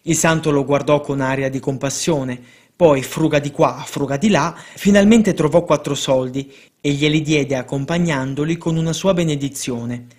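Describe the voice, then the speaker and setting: A man reading devotional stories of a saint aloud in a steady, measured way. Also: a little high.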